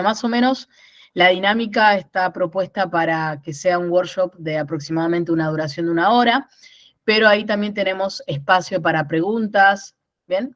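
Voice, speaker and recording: A woman's voice: on the low side, no room sound, muffled recording. A woman in her thirties from Rosario, Argentina, with a Rosario accent, explaining things in an online workshop and often checking in with "¿no?". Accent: Rosario Argentine Spanish. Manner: explanatory, repeats words and asks "¿no?". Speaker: workshop instructor.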